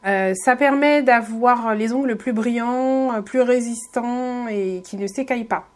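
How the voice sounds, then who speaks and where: A beauty vlogger with a slightly high voice talks at an unhurried pace through a casual tutorial voice-over. She's friendly and addresses viewers directly, though she hesitates, with frequent fillers and restarts.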